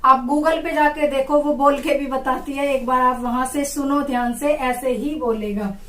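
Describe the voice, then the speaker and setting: A young woman teaching biology to exam students, her voice a touch high. She repeats each term and quizzes the class back on its pronunciation. The room is echoey, and she sounds a little away from the mic. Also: fairly even intonation, moderate pace, a bit bright, far from the mic. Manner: repeats terms and drills pronunciation with call-and-response questions. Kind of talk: online exam-prep lesson.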